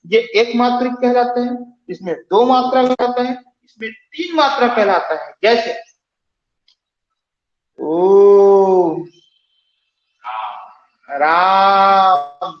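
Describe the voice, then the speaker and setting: A Hindi teacher with a fairly high, expressive voice gives a classroom grammar lecture at a moderate pace, repeating each rule several times and quizzing his students. The room, with its lights off, echoes, and the recording sounds dull and muffled.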